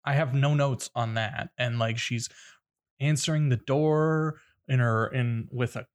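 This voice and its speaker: Male podcast co-host, middle pitch, laid-back and wry, filler-heavy. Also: fairly even intonation, a little slow. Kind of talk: casual chat.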